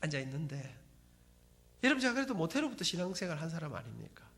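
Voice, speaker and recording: The man's voice is on the high side and gravelly, and he talks fast. Middle-aged, with a Gyeongsang Korean accent, he's giving a faith testimony in church as vivid, dramatic storytelling directed at the congregation.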